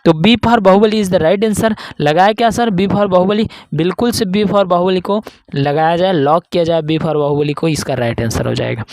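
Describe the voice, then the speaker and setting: A man's voice: high voice, normal speed, darkish tone, no echo. A man teaching an exam-prep reasoning class. He asks questions and answers them himself, sometimes speaking as his students. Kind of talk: online exam-prep lesson.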